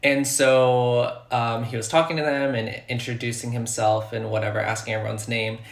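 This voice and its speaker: A man telling a story slowly and hesitantly, with many pauses and ums. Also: mid-range voice, flat delivery. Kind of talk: casual storytelling. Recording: roomy echo.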